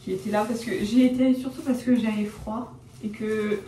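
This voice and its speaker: A woman's voice: a little high, fairly even intonation, moderate pace, dark tone, a little hiss or hum. Rambling young woman, roomy far-off sound. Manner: rambling, self-correcting, lots of fillers like genre and euh; shy and reserved by her own account. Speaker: vlogger. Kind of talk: casual chatty vlog while dyeing her hair. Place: at home, indoors. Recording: roomy, from off the mic, faint background ambience.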